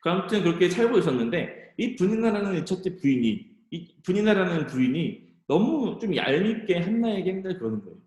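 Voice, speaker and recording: A male youth pastor retells a Bible story to teenagers, his pitch leaping around lively as he speaks to them directly. His voice sits a little high for a man and rings through a roomy church hall. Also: fairly quick, few pauses. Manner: animated storytelling, addressing teens directly. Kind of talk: youth sermon.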